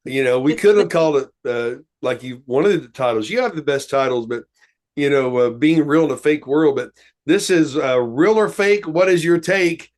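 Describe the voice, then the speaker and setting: A man's voice: on the high side, normal speed, darkish tone. A man co-hosting a casual talk show, telling stories in a rambling, folksy way with many fillers. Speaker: co-host. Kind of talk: casual podcast chat.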